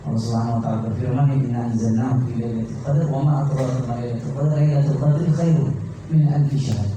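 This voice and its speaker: A man's voice: mid-range voice, steady tone, quick pace, noisy background. A man preaching a sermon, telling stories with quoted dialogue, reciting Arabic verses and putting questions to his listeners. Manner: addresses listeners directly, asking them questions. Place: mosque. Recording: echoey room, heard from a distance.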